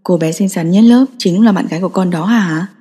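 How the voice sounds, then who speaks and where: A woman voicing a calm young father who speaks to his son in a low, soft, patient way. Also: a little fast, husky. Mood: gentle firm. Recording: long reverb.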